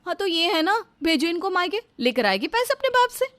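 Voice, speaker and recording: A woman's voice: very high voice, sing-song, fairly quick, pitched above the performer's own voice, full character voice. A woman voicing a bossy, spoiled young married woman who scolds and taunts in storybook dialogue. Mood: taunting. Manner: loud, scolding, sarcastic.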